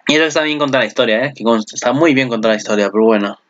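A man with a Spain Spanish accent giving excited reaction commentary, gushing, swearing and squealing in delight. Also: medium pitch, racing, highs cut off, noisy background. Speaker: anime reaction channel host.

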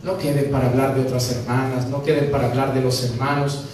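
Man, pastor, animated sermon, booming echo, faint hiss behind. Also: fairly quick. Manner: animated, acting out dialogues with humor. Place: church sanctuary. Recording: very echoey church from a distance, faint noise.

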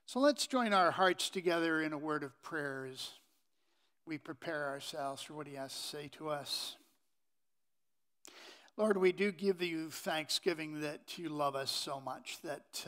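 A middle-aged man preaching from a pulpit in a church sanctuary, unhurried and halting with many fillers. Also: on the high side, fairly bright tone. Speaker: pastor. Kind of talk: sermon.

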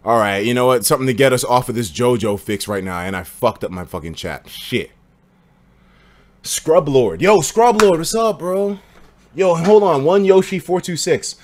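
An American man in his twenties chatting and reacting casually on a livestream, expressive, slangy and profane. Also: medium pitch, normal speed, slight background noise. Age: 20s. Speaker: livestreamer reacting to videos and reading chat. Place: indoor streaming room.

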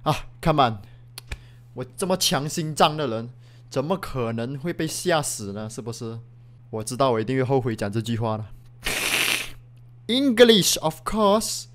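Man, young, excitable horror-game commentary, mixes in English, slight background hiss. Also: mid-range voice, measured pace, long pauses. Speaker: gaming YouTuber.

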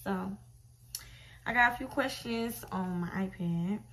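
A 21-year-old woman vlogger from Detroit, Michigan, USA, talks slowly in a mid-range, slightly bright voice. Seated in a small bedroom indoors, she chats to camera in a relaxed, slangy and blunt way.

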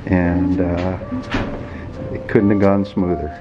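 A man's voice: low voice, little pitch movement, takes it slowly, highs cut off. An older man talking casually as a father on a family vlog. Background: prominent music.

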